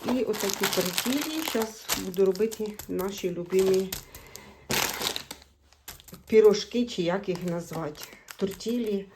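A woman's voice: mid-range voice, measured pace, pauses often. A woman from Ukraine vlogging in a chatty, homely way, talking straight to her viewers about groceries and meals, partly from a moving car. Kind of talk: casual chat showing groceries and meals. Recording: loud background noise with car sounds.

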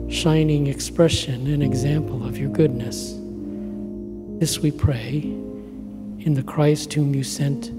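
Solemn pastor praying in a reverberant church. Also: male voice, fairly high pitch. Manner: slow, solemn and measured. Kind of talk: prayer and benediction. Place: church sanctuary. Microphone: pulpit microphone. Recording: hall reverb with organ music.

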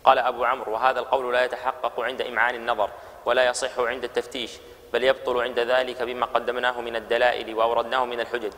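A man reading a classical text aloud to the class in a steady, unbroken stream. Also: mid-range voice, rapid-fire. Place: mosque lesson hall. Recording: long hall reverb.

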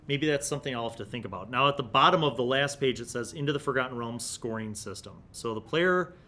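A medium-pitched, sharp-toned male voice comes through with a little hiss or hum. He's a middle-aged man hosting a tabletop gaming review series, musing casually in fits and starts and reading excerpts aloud. The setting is a small indoor studio, with a desk microphone in front of him.

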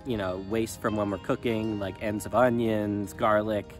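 A man in his thirties talking casually to a handheld phone outdoors in his chicken run, relaxed and rambling with many ums. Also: fairly low pitch, measured pace, soft background music. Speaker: small farm vlogger. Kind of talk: casual vlog talk to camera. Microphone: phone at arm's length.

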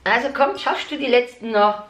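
A woman's voice: fairly high pitch, moderate pace, a bit bright. A middle-aged woman chatting casually to the camera as host of a family vlog. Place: living room. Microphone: camera a short distance away. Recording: echoey room, faint noise.

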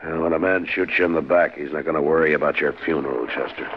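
A frontier US marshal with a very deep American voice, steady and protective. The style is 1950s radio western drama, and the dated recording sounds dull with some noise. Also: male voice, quick pace. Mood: grim.

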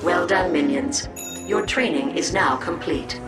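Calm formal computer lady voice, woman acting it, roomy and far off, game music loud behind. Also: on the low side, a little slow, natural voice. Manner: calm, even, formal announcing. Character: calm female station computer announcing orders.

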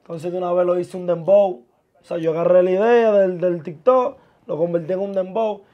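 A young man, a guest chatting casually and laid-back in a small studio, full of street slang and trailing off softly. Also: sits high, steady tone, normal speed, lo-fi sound. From born in the US, of Dominican parents. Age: young adult. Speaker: guest, musician and TikToker. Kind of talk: casual interview talk. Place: small indoor studio with sofa chairs.

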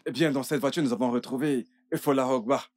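A man voicing a detective in a French film dub. His mid-pitched voice stammers as he repeats his pleas for calm. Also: quick pace, lightly acted. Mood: hesitant. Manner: soothing, stammering repetition. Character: male detective calming a grieving woman. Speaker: police detective.

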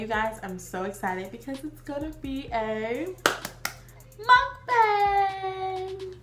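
A woman's voice: mid-range voice, echoey room. A 21-year-old woman chatting casually while eating for a mukbang vlog, with lots of fillers. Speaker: mukbang vlogger.

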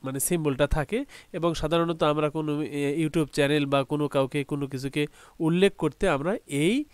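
A man's voice: a little high, moderate pace, clear, resonant tone, no room sound. Man teaching step by step. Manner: explains step by step, spells words out by letters and syllables. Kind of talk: online school lesson.

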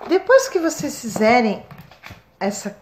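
A Brazilian woman with a slightly high voice records a lesson for first-grade pupils. She talks slowly and kindly, stretching syllables out and checking in with the children often. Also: sing-song, slight background noise. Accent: Brazilian Portuguese. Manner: slow, sing-song, stretches syllables for children.

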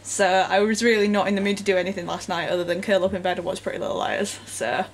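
A woman's voice: mid-range voice, fast talker. A woman in her twenties talking casually to her camera at home, rambling and giggling. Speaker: vlogger. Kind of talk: casual vlog chat. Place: at home indoors. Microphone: handheld camera.

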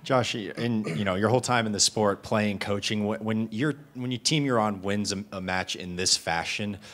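Reporter, man, very low voice, long rambling question full of restarts. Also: moderate pace, fairly bright tone. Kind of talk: press conference question.

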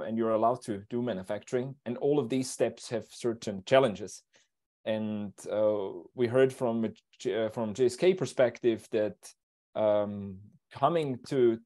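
A man presenting a technical talk at an online seminar in a steady, explanatory way, over a video call. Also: medium pitch. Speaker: invited speaker.

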